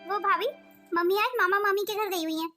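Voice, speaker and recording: A woman voicing a young sister-in-law in a cartoon, quick and obliging. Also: extremely high pitch, fairly even intonation, pushed and bright, soft background music. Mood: chatty. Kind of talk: cartoon voice acting.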